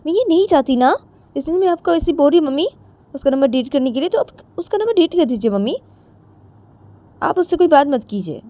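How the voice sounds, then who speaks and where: A young daughter pleads with her mother, voiced by a woman narrating a story. Her voice sits high and strained. The tone stays soft and mellow. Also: animated, fast, no room sound. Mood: insistent pleading. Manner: pleading, repeats "mummy".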